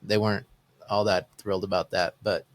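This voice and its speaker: A man's voice: low voice, level tone, fairly quick. A middle-aged man co-hosting a podcast, laid-back and joking. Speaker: podcast co-host. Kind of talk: casual business podcast chat.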